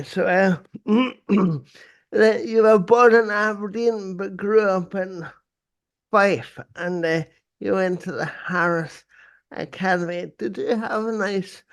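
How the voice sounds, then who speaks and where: An older man hosting a casual podcast interview in a halting, repetitive way. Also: sits high, creaky. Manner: halting, hesitant, repeats words. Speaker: podcast host. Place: small home room, video call. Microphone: close desk microphone on arm.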